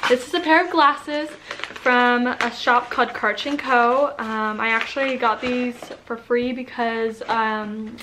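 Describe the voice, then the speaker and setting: A young woman chatting excitedly to camera in a casual vlog. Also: on the high side, takes it slowly, noisy background. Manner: bubbly and excited. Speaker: vlogger.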